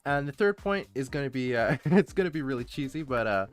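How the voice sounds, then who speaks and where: A man's voice: medium pitch, lively intonation, a little fast. Casual male livestreamer over background music. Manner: rambling, hesitant, easily distracted. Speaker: streamer, VTuber introducing his channel. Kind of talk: casual livestream chat, answering viewers. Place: indoor streaming setup, background music behind the voice.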